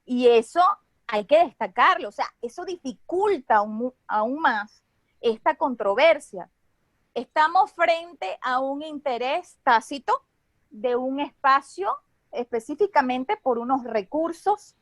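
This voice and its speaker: High-voiced woman with a Venezuelan Caribbean accent. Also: lively intonation, slow, dry recording. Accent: Venezuelan Caribbean Spanish. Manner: didactic, checks in with short tag questions. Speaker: expert speaker on geopolitics. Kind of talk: explanatory talk, semi-formal.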